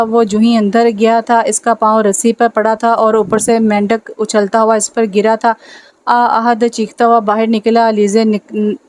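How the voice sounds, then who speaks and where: A woman narrating a romance novel aloud with a fairly high voice. Her delivery is steady and very level, with little rise and fall. Each sentence is read out at an even, unhurried pace. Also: low-quality recording. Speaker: novel reader.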